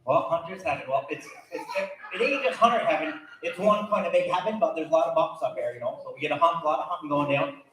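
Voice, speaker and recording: A man acting out a folksy old backwoods hunter with a thick Vermont accent. He rambles and repeats himself in a mumbly, high-pitched voice. It is a comic stage sketch, captured in a very reverberant hall. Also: quick pace, background noise, close to an everyday voice. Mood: folksy, rambling. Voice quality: thickly mumbled, hard to understand. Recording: very echoey live hall.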